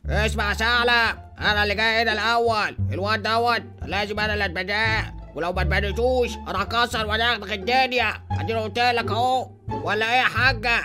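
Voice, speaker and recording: A man's voice: high voice, fairly even intonation, fast talker, music in the background, natural voice. A man playing a bossy, threatening fire Sonic father with an Egyptian accent. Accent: Egyptian Arabic. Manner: bossy, blustering, bright-toned.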